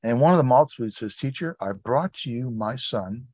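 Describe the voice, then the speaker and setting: A man's voice: mid-range voice, animated, moderate pace, a little mellow, slightly rough, dry recording. A man leading an informal Bible study, reading scripture aloud and breaking off into conversational asides.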